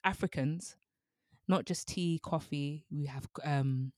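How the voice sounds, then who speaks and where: Young female podcast co-host, low-pitched, relaxed fillers, dry studio mic. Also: slow pace, no echo. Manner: chatty, laughs often, many fillers. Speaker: book club podcast co-host. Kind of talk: casual book discussion.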